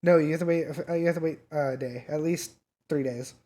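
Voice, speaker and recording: A game master narrating a homebrew tabletop session in a loose, casual way. The narration stops often for fillers and restarts, and the pitch sits in an ordinary middle range. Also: dark tone. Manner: casual, halting, full of fillers.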